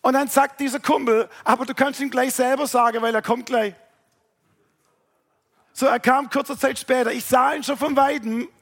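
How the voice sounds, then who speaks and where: High-voiced man preaching a story. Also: normal speed, husky. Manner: animated, addresses listeners directly. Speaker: pastor. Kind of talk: storytelling sermon.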